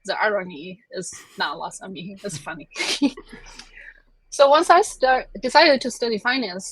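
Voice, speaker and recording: This interview guest is a woman in her thirties, a plant scientist and native Chinese speaker from Chengdu. She recounts her life with chatty self-deprecation in a mid-range, breathy-edged voice. The recording is rough but has no room sound.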